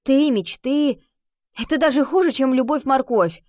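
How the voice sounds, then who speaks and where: A woman's voice: high-pitched, measured pace, darkish tone, dry recording, studio quality, pitched above the performer's own voice. Woman reading an exasperated teenage schoolgirl. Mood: sarcastic. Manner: exasperated, sarcastic. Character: sharp-tongued teenage schoolgirl, aspiring writer. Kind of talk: audiobook reading.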